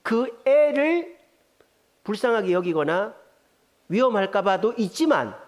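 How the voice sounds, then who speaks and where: A male pastor preaches a Sunday sermon in a church sanctuary. His voice sits high and moves with lively swings of pitch. He voices the people he quotes and turns often to the congregation with questions.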